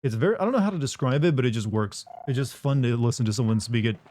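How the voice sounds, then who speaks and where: A man live-streams a game, chatting casually with a mid-range, mellow voice that is animated and quick. His commentary rambles and jokes along, peppered with fillers like "like."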